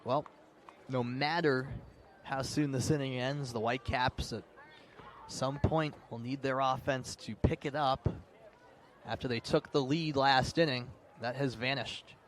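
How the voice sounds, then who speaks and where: Measured in pace, with medium pitch and fairly even intonation, this man works as a play-by-play announcer on live radio at an outdoor ballpark or sports field. His detailed narration grows more intense during big plays, with faint background noise in the recording.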